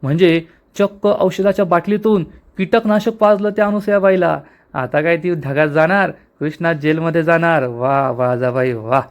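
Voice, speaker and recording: A man's voice: fairly high pitch, fairly even intonation, normal speed, close to an everyday voice. A man reading the lines of a sly, gloating scheming woman. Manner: mocking, gloating.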